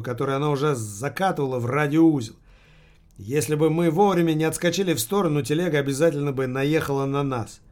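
A man reading a novel as an audiobook in a measured, deadpan way. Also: a little high. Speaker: audiobook narrator. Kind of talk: audiobook narration.

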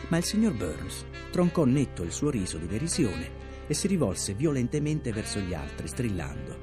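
A man reading a novel aloud as an audiobook narrator, with an expressive, theatrical delivery. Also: medium pitch, normal speed. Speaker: audiobook reader. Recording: narration over clear background music.

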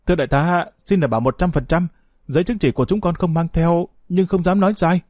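A man voicing a frightened male henchman who pleads for mercy in a higher, strained voice. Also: fast talker, a little mellow, no echo, clean studio sound, lightly acted. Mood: pleading.

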